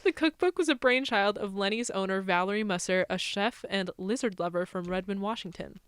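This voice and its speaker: A woman's voice: medium pitch, a little fast, smooth. A college-age young woman co-hosting a casual true crime podcast, chatty, laughing often and saying "like" a lot. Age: college-age young adult. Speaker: podcast co-host.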